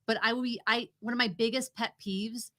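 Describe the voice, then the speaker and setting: A woman's voice: fairly high pitch, steady tone, a little fast, bright, forceful tone. A woman co-hosting a podcast in a casual, conversational style. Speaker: podcast co-host. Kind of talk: casual chat.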